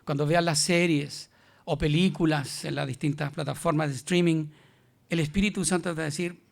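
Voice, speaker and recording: A man's voice: a little high, steady tone, normal speed, vocal fry. A male pastor with a Chilean accent, preaching an emphatic, colloquial sermon. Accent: Chilean Spanish.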